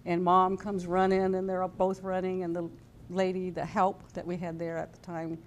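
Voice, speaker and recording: A sixty-something woman from California, speaking with an American accent, is the guest in a studio interview, reminiscing loosely and hesitantly from a desk indoors. Her lowish voice is monotone and moderately paced, recorded on a lapel mic with slight background noise.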